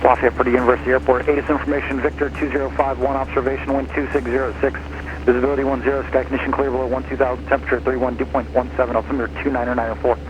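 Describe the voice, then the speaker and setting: A male voice reels off an airport weather broadcast at a brisk clip, every number in the same level, unvarying tone. It comes through a muffled cockpit radio with dulled highs. Steady engine drone sits clearly underneath. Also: background noise. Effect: airport weather broadcast heard over cockpit radio. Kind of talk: recorded information broadcast.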